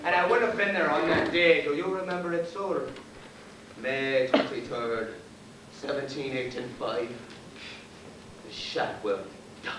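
A man's voice: on the high side, fairly even intonation, a little slow, pauses often. An actor playing a nervous, groveling Irish convict hangman who rambles on and calls everyone sir, in a live stage play. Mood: rambling. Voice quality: wheedling, deferential, endlessly says sir. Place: theater stage. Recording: echoey theater, mic far off, faint hiss.

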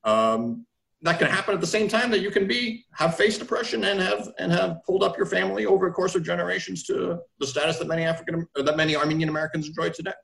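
A man with a high-sitting, gravelly, fairly bright voice talks quickly as a historian guest on a video call, seated in a home room with framed pictures. Thoughtful and explanatory, he restarts phrases and frequently tags his points with "right?". The roomy call audio captures this academic discussion.

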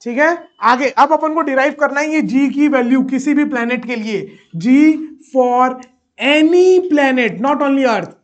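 A man teaching a physics lesson in Hindi mixed with English terms. He keeps asking questions and answering them himself, and he slows right down when dictating. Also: extremely high pitch, fairly bright tone, dull audio. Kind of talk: classroom physics lecture.

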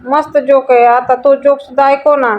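A woman's voice: high voice, flat delivery, moderate pace, natural voice. A woman voicing a sneering male crony who jeers sarcastically. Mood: sarcastic. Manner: sarcastic, jeering. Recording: dull lo-fi audio.

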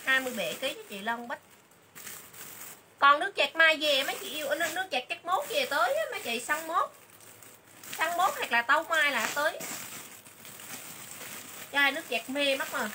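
A woman doing a livestream sales pitch for clothes, chatty and repeating item names and prices again and again. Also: noisy background. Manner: chatty, calls viewers "dear sisters".

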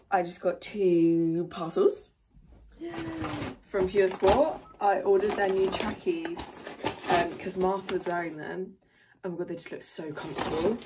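A woman's voice: fairly low pitch, background noise. A young woman, chatting casually in a rambling daily vlog. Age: young adult. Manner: chatty and rambling, full of fillers. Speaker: vlogger.

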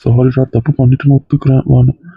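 A man's voice: medium pitch, level tone, fast, creaky, breathy edge, dry recording, narrow, tinny audio. A man playing a remorseful young husband in an amateur family drama, talking in a pleading, apologetic way. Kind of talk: amateur web-series acting.

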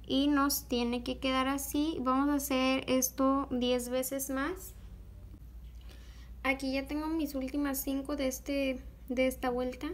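A young woman giving a slow, patient, step-by-step beadwork tutorial, pausing often on fillers as she works. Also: sits high, little pitch movement.

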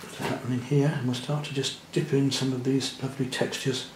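A man, gently talking through a watercolour demonstration as he paints, thinking aloud in a chatty way. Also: medium pitch, level tone, brisk, echoey room, background noise. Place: indoor studio at the easel.

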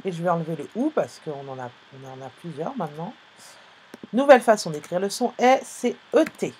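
A woman teaching a phonics lesson to young pupils over a live online class, speaking slowly and clearly, spelling out sounds and letters with patience. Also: lowish voice, expressive, darkish tone, slight background noise.

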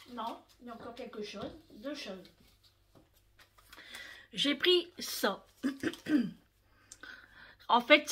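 Slow, chatty woman showing her shopping. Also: on the high side, a bit bright, a little hiss or hum. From France. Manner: chatty, talks straight to viewers, fond of "hein". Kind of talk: casual haul vlog.

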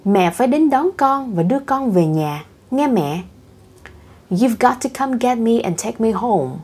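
A young bride pleads with her mother in a tearful way, as read by a woman. The voice is husky, and the reading is unhurried. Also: on the high side, expressive, a little mellow, voice pushed up.

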